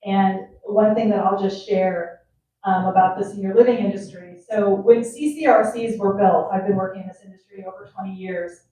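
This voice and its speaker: Woman hosting a panel, chatty, mellow voice, far from the mic in an echoey room. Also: mid-range voice, fairly even intonation, normal speed. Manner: chatty, laughs often, restarts sentences. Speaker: community staff member hosting a resident panel. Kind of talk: casual panel talk.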